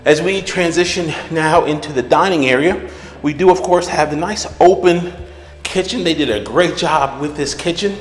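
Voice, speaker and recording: A man, a real estate agent, narrating a walkthrough of a house as he walks it, relaxed and explanatory with frequent fillers. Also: a little high, normal speed, soft background music. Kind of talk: walkthrough home tour narration. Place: outdoors then inside an empty house.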